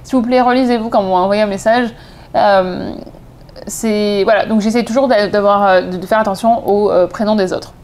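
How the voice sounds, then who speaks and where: A little mellow at medium pitch, this woman speaks at normal speed with a steady tone. The French-accented vlogger, in her thirties and from southeast France, tells personal stories to camera in a relaxed, chatty, meandering way and often corrects herself.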